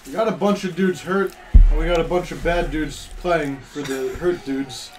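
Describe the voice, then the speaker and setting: A man co-hosting a casual podcast, answering with dry, deadpan quips while eating. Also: on the high side, moderate pace, over music. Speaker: podcast co-host.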